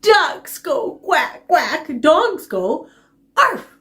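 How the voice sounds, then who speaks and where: Storybook mother dog played by a woman, reading-to-toddler style: high, very slow, patient, insistent. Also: big pitch swings, fairly bright tone, heavily acted.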